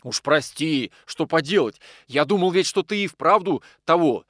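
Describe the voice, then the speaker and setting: A man reading an audiobook and voicing an earnest young man who speaks calmly and now and then sharply. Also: fairly high pitch, normal speed, no echo, studio quality, voice pushed up. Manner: calm, earnest, sometimes sharp.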